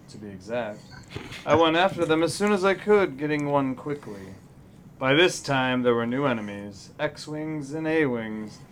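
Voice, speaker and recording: A man's voice: on the high side, a little hiss or hum. Teasing man narrating a space game. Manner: laughs often, teasing. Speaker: gamer reading a strategy guide aloud. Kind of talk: playful banter over gameplay.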